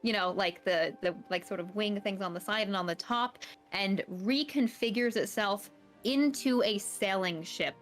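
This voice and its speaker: A woman's voice: mid-range voice, moderate pace, a bit bright, soft background music. A woman narrating a tabletop horror game as game master, describing scenes at length with many fillers.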